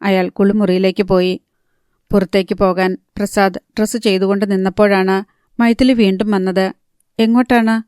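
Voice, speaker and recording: A woman narrating an audiobook novel in a calm, steady reading voice. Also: medium pitch, moderate pace, clean tone, no echo, studio quality. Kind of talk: scripted narration.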